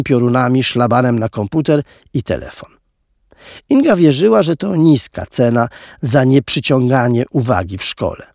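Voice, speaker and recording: A man narrating an audiobook in an expressive storytelling manner, recorded on a close studio mic. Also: medium pitch, dry recording. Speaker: audiobook reader.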